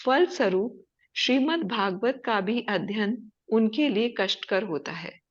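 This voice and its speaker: A woman student reading a text aloud in class at a measured pace. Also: fairly high pitch, expressive. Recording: dull lo-fi sound.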